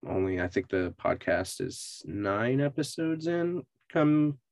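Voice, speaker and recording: A man's voice: fairly low pitch, very animated, takes it slowly, vocal fry, a little mellow, no room sound. A man hosting a podcast interview, asking questions in loose, hesitant phrasing full of "like". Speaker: podcast host. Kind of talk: casual interview chat.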